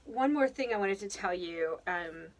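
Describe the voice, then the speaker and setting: A woman's voice: medium pitch, lively intonation, unhurried, far from the mic. A woman giving casual, rambling parenting advice, thinking aloud and laughing often. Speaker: speaker on children's faith formation.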